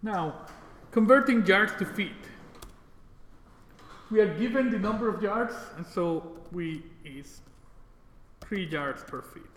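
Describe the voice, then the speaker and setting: Lecturing informally on programming, a Mexican man speaks slowly with long pauses, his voice sitting high and a bit bright, his intonation lively. As a casual instructor, he often asks short tag questions to get agreement. The indoor classroom sounds echoey, with background noise.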